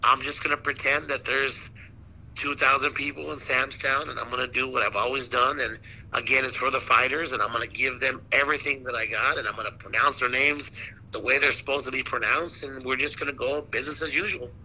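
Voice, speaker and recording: A man who works as a ring announcer, chatting casually as an interview guest and telling stories in a slangy, animated way. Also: mid-range voice, fairly quick, rough recording. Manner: slangy, animated storytelling with repeated "man" and "dude". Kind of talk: casual chat.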